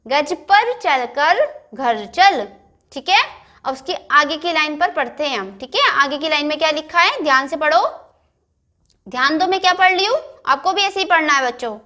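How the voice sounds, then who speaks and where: A woman's voice: sits high, animated, a little fast, pushed and bright. A woman teaching young children to read, sounding out words syllable by syllable and asking them questions. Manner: keeps checking in with "theek hai". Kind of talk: primary school phonics lesson.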